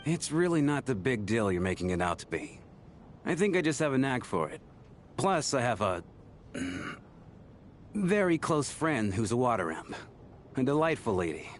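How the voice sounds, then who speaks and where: A man's voice: medium pitch, sing-song, measured pace, pauses often, slight background noise. A man playing an easygoing, teasing, secretive grown man in a video game, playful and breezy. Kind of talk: game voice acting.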